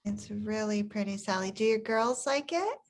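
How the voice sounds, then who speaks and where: A woman's voice: mid-range voice, normal speed. A woman hosting a casual group chat, encouraging and full of questions. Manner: encouraging, asks many questions.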